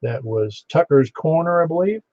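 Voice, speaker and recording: Male net controller, fairly high mellow voice, halting easygoing roll call, dull ham radio audio. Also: expressive, dry recording. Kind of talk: informal radio roll call with phonetic call signs.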